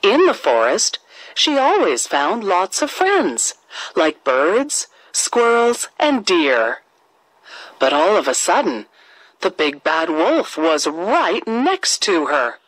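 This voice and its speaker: A storyteller reads a children's fairy tale, her voice sitting on the low side but moving through a very lively, melodic range. She takes it slowly and deliberately with expressive phrasing. The recording is close, dry, and of low quality.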